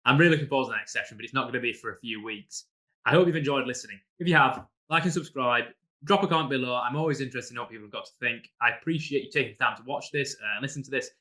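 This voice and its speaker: A man with a bright, forward voice talks through his last tabletop session as game master. He rambles loosely, with plenty of fillers and restarts. When he mimics his players, he raises his voice. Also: medium pitch, racing. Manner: rambling storyteller, many fillers. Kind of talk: casual campaign recap.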